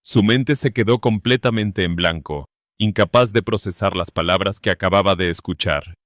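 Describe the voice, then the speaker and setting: Man, narrator, scripted storytelling, steady and dramatic, very deep voice, dry. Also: moderate pace, no room sound.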